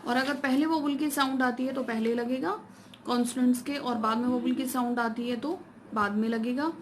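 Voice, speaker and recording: A woman teaching shorthand step by step, mixing in English terms and reading the English rules out slowly. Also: on the high side, fairly even intonation, a little hiss or hum. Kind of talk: classroom lesson explaining step by step.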